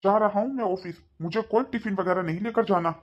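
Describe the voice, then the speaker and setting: A woman voicing an irritable young husband in a cartoon, talking in a gruff, scolding way. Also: medium pitch, quick pace, noisy background, close to an everyday voice. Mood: irritated. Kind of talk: cartoon voice acting. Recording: dull lo-fi sound.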